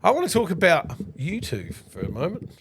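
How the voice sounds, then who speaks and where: A man's voice: high-pitched, huge pitch swings, brisk, noisy background. A man hosting a casual interview, enthusiastic and chatty, with frequent agreeing fillers. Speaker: podcast host.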